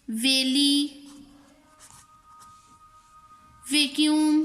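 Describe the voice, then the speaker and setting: A woman teaching English pronunciation, saying example words one by one and repeating them slowly. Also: high-pitched, bright, forceful tone. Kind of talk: slow spoken lesson. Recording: echoey room.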